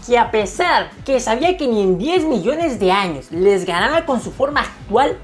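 A woman's voice: on the high side, sing-song, normal speed. A woman narrating casual anime commentary in a slangy, jokey way with crude humor. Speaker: anime video essayist. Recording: faint music under the voice.

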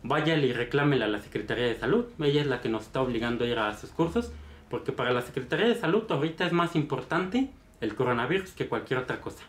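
A man's voice: mid-range voice, animated, fast talker, natural voice. Man doing a weary, dismissive Mexican doctor. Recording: roomy echo.

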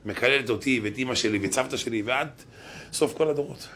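Bright-voiced rabbi telling funny stories. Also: male voice, medium pitch, a little hiss or hum. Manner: lively storyteller with slangy street asides. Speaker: rabbi giving a lecture. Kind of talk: humorous Torah lesson told as stories.

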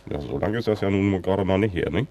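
A man playing a chummy, persistent drinking buddy in a deadpan prank call over the phone. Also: sits low, quick pace. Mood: chummy, insistent. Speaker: prank caller.

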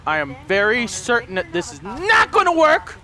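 High-voiced frantic gamer man. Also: moderate pace, very noisy. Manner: shouts and curses at the game, excitable. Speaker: gaming video host. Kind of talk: frantic gameplay commentary.

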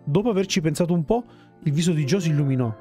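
A man reading a fantasy game's story text aloud at a steady pace. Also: fairly high pitch, fast, faint music behind. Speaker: gamer reading game text.

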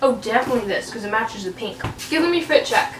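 A woman's voice: a little high, lively intonation, quick pace, background noise. A young woman chatting casually as a vlogger into a handheld camera. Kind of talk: casual vlog chat. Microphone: handheld camera, sometimes at a distance. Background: music.

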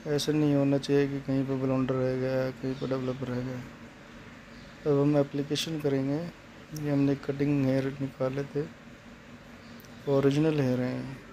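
A man's voice: mid-range voice, level tone, normal speed, long pauses, mellow, slight background noise. A man talking through a hair coloring job step by step in a plain, explanatory way. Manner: plain, explanatory, repeats steps. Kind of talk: step-by-step salon tutorial narration.

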